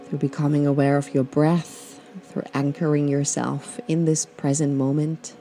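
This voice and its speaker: A woman from Austria hosting a podcast, guiding listeners through a slow, gentle reflection with many pauses and fillers. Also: sits low, flat delivery, soft background music. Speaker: podcast host. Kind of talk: guided reflection and personal talk.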